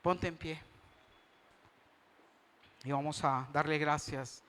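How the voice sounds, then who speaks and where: Male pastor, fairly high voice, chatty sermon delivery that keeps asking the congregation questions. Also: steady tone, slow, fairly bright tone, slight background noise.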